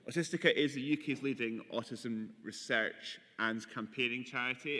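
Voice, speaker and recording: A man's voice: medium pitch, fairly bright tone. Broad Scottish man in an echoey hall. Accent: broad Aberdeen Scottish. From Aberdeen, Scotland. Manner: careful delivery, deliberately clear for translators. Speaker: charity chief executive, guest speaker. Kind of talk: conference talk. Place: conference hall. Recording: echoey hall with long reverb.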